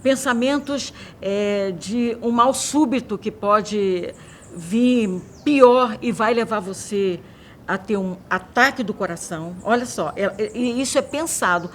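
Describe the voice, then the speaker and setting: A woman's voice: medium pitch, takes it slowly, slight background noise. A woman speaking as a doctor in a documentary interview, explaining in a hesitant, vivid way. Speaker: doctor interviewed on mental health.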